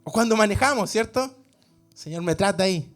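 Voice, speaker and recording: A man's voice: high voice, animated, fairly quick, soft background music. A man with a Chilean accent preaching an earnest, conversational sermon in a church, often acting out the voices of the people he quotes. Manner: earnest, acts out quoted voices, restarts words.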